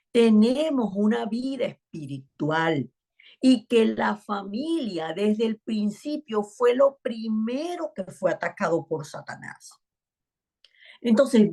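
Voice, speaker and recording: Animated woman teaching a church class. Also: medium pitch. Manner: animated storyteller who acts out quoted voices.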